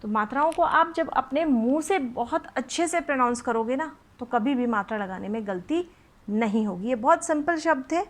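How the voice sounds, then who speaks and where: A woman's voice: sits high, expressive. Patient woman teaching small children. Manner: patient, drawn-out sounding of syllables, frequent "ठीक है?" checks. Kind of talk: children's Hindi phonics lesson.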